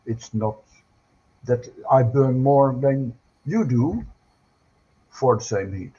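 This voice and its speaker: Older man, panel guest, husky voice, slow halting speech, lo-fi muffled audio. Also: medium pitch, animated, dark tone. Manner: hesitant, frequent "uh" fillers, careful phrasing. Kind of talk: casual panel discussion.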